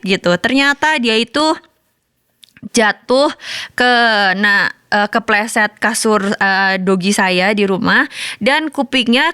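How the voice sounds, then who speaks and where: A woman pastor in her thirties sharing a personal testimony in a sermon, telling it in a lively, chatty way. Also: mid-range voice, dry recording, studio quality. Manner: storytelling with lively colloquial asides.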